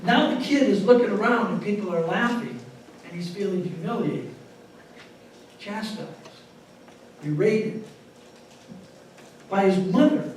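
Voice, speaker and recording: A man preaching a sermon as pastor, telling animated stories with sudden loud bursts, heard from far off in a church sanctuary. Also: high-pitched, a little slow, long pauses, very echoey, a little hiss or hum.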